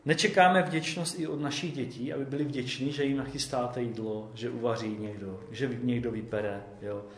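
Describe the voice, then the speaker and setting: A man preaching a conversational sermon, often checking in with his listeners with a quick "jo?". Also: medium pitch, steady tone, roomy sound.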